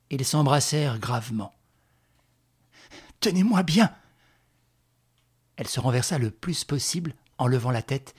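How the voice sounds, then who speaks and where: Husky man narrating gravely. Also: mid-range voice, darkish tone. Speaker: reader. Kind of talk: audiobook narration.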